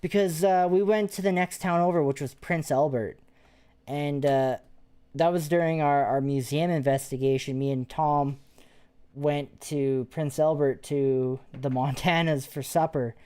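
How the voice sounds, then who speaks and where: Low-voiced woman chatting on stream. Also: measured pace, mellow, clean tone. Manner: rambling, chatty, with frequent restarts and fillers. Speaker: paranormal investigator and streamer. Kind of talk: casual live-stream chat.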